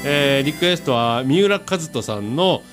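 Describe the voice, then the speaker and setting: A male radio host chats with his co-host and reads out listener mail, playful and quick to chuckle. His pitch rises and falls in wide swings, and faint music plays beneath him. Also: animated. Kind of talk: casual radio chat, reading listener emails.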